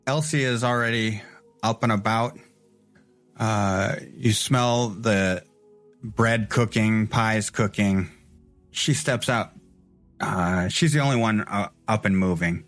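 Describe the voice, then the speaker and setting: A man running a tabletop game as game master, narrating slowly with many fillers. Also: fairly low pitch, no room sound. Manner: unhurried, filler-laden narration.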